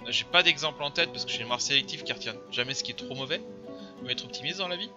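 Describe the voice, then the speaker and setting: A man's voice: medium pitch, racing. A man giving casual, rambling let's play commentary. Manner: chatty, rambling, filler-heavy. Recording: dull lo-fi voice over game music.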